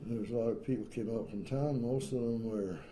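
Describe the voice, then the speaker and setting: A man's voice: mid-range voice, a little fast, dark tone. An older man, reminiscing in a casual, rambling way with many fillers and chuckles. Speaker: local elder recalling old times. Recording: roomy room echo, light noise.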